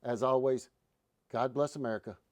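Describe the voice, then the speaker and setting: A man with a drawl talks easily and folksily, like he's winding down a late show. His voice is middle-pitched and sits in a dry, close sound with no room around it. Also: steady tone, moderate pace, a little mellow, no room sound. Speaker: show host. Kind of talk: casual livestream chat.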